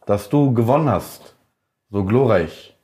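A young man speaking as the producer behind the scenes, giving quick, offhand explanations of the rules. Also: fairly low pitch, animated, dark tone. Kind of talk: casual chat.

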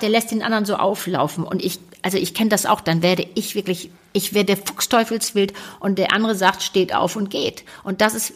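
A woman in an easygoing talk-show conversation who speaks with lively energy. She keeps breaking into little acted-out quotes of other people. Her pitch sits in an ordinary middle range. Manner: lively, animated, acts out quoted voices. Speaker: podcast co-host, relationship expert.

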